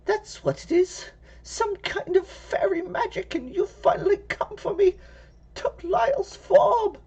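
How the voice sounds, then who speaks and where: A man voicing a nosy, suspicious little old beggar woman with a shrill, cackling, scolding manner. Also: wildly swooping pitch, unhurried, vocal fry, darkish tone, heavily acted. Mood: fearful.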